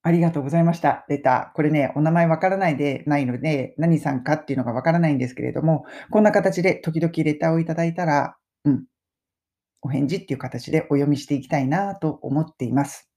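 A middle-aged woman hosting a casual spoken lesson, chatting and slowly modelling English phrases for listeners to repeat. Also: sits low, dark tone. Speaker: English pronunciation teacher and podcast host.

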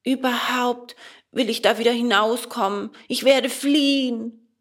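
Eine Frau spielt einen jammernden Holzpuppenjungen. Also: female voice, fairly high pitch, fairly even intonation, a little slow, a bit bright, pitched above the performer's own voice. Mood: frightened. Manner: wailing, anxious. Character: young wooden puppet boy, frightened and whiny.

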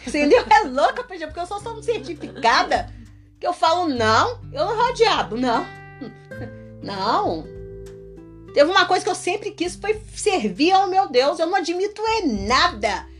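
Animated woman from Minas Gerais. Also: very high-pitched, moderate pace, soft background music. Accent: Minas Gerais Portuguese. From Minas Gerais, Brazil. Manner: animated, laughs often, mimics prayers. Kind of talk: casual testimony and preaching talk.

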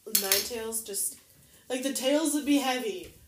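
Casual woman in an echoey room. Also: a little high. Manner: halting, many fillers and restarts. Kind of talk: casual chat. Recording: roomy echo, faint noise.

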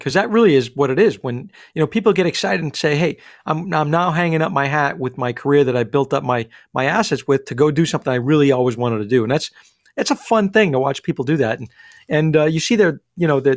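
A man's voice: on the high side, dry recording, clean studio sound. A man working as a financial advisor, talking through money and retirement on a call-in radio show, with lots of restarts and fillers. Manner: quick, energetic, many restarts and fillers.

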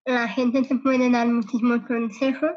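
Woman, altered strained voice after cancer, high-pitched, slow and earnest, dull lo-fi sound. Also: little pitch movement. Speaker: podcast guest. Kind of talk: interview conversation.

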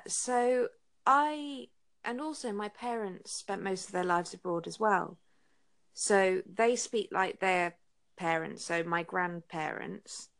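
A woman's voice: mid-range voice, fairly bright tone. A woman with a well-spoken English accent, chatting casually and politely. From England, early childhood in Portugal. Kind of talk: casual chat.

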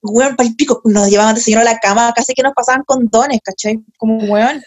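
A young Chilean woman with a Chilean Spanish accent tells a story from her own life in loose, slangy chat. Her voice sits a little high, and she swears freely. She laughs often as she goes. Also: steady tone, brisk, darkish tone, faint music behind. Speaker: podcast host.

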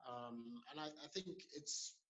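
A man's voice: on the high side, a little slow, bright, forceful tone, low-quality recording. A man in his thirties speaking as a podcast guest, easygoing, laughing often and using many fillers. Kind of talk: casual podcast interview.

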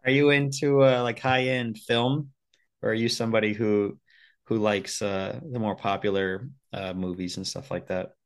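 A man's voice: lowish voice, steady tone, normal speed. A man with an American accent hosting a podcast, chatty and joking, teasing his guests. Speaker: podcast host. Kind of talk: casual interview.

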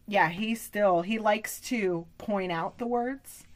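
A woman's voice: medium pitch, takes it slowly. A woman hosting a casual chat, telling stories in a chatty, laughing way. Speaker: host.

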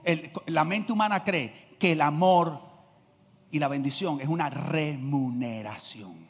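A middle-aged man, preaching a sermon as a pastor, swinging from loud shouts to quiet asides. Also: a little high, a little slow, breathy edge. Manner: energetic, swings from shouting to quiet, acts out quotes. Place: church hall. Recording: long reverb of a large hall.

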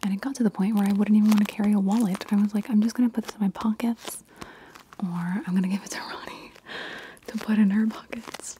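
A woman whispering breathy ASMR with tingly mouth sounds, rambling casually and playfully repeating words and short phrases. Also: mid-range voice, steady tone, fast talker, mellow, a little hiss or hum, poor audio. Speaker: ASMR video creator.

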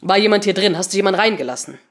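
A woman doing a gruff male programmer. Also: mid-range voice, racing, fairly bright tone, lightly acted. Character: grumpy male programmer, husband.

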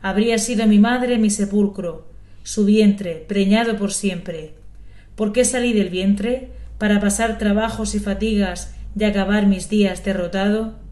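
A woman serving as lay reader, reading scripture aloud at a measured, even pace. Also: medium pitch. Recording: echoey church.

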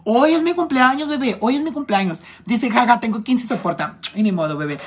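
A makeup artist from Tijuana with a northern Mexican accent, chatting flamboyantly and teasingly on a phone live stream while reading viewers' comments. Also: male voice, very high-pitched, animated, a little fast, a little hiss or hum.

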